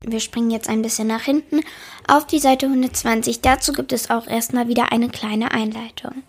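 A woman's voice: fairly high pitch, steady tone, normal speed, slight background noise. A woman hosting a book reading, introducing passages in a friendly, explaining way. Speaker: host.

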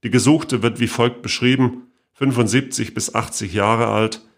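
A man's voice: mid-range voice, steady tone, moderate pace, lightly acted. A man voicing a radio newsreader who reads a police report in a plain, matter-of-fact way. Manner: matter-of-fact bulletin reading.

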